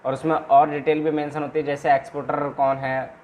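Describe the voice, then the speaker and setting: Speaking fairly quickly in a high, somewhat mellow voice with little pitch variation, a man hosts an instructional channel and trains viewers informally. He goes through paperwork step by step, frequently repeating himself with brief check-in tags, and the recording carries clear background noise and room ambience.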